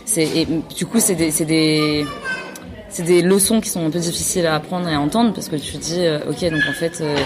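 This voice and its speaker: A woman's voice: low-pitched, fairly even intonation, a little fast, background noise. A woman who was born in France, a podcast guest, talks casually and thoughtfully with many fillers and restarts. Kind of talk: casual conversation.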